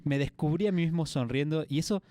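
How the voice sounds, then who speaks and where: A man's voice: fairly high pitch, fast, warm tone. A man from Argentina with an Argentine Spanish accent, a podcast host asking long, curious questions. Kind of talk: conversational interview.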